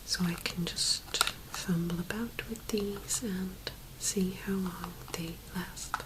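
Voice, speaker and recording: A woman speaking in a soft, hushed whisper, gently presenting an ASMR tapping video. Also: on the low side, fairly even intonation, slow pace, heavy background noise.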